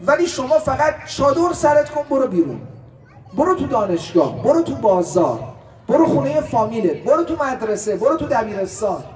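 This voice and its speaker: High-voiced impassioned preacher, echoey hall. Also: male voice. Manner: impassioned rhetorical preaching, swinging between loud and quiet. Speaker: cleric preacher. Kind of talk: religious sermon to a gathering. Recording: echoey room, distant mic, faint hiss.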